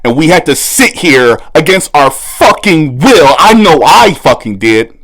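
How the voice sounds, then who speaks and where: A man hosting a commentary channel, ranting angrily with heavy swearing and bursts of shouting. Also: fairly high pitch, very animated, measured pace. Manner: furious, swearing, voice breaking into shouts. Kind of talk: angry commentary rant. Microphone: no usual setup.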